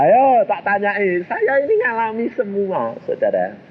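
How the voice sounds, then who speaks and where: A middle-aged man preaching a storytelling sermon, animated and jokey, acting out the voices in his stories. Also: high-pitched, a little slow, crowd noise. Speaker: pastor. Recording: dull lo-fi sermon recording with faint hiss.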